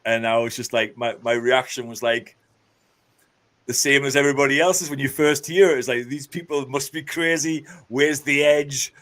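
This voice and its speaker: Speaking at a moderate pace in a steady, fairly bright medium-pitched voice, a podcast guest gives casual interview answers with many fillers and false starts, sounding earnest. He has a Geordie accent from northeast England and is listed as from Scotland.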